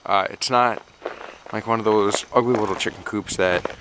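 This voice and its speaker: This man's voice sits on the low side, with fairly even intonation and a moderate pace. A chicken-keeping vlogger, he walks viewers through informal how-to tips in his yard and inside a little wooden coop, saying key things twice for emphasis. An operator films him on a handheld camera, and the sound is noisy.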